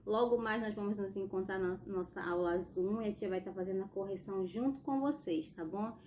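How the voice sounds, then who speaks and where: A woman's voice: mid-range voice, brisk, dark tone, slight background noise. A woman with a Brazilian accent, a primary school teacher giving a recorded lesson to young children, patient and explanatory, often checking in with short tags. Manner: patient and explanatory, tagging sentences with "tá?" and "ó".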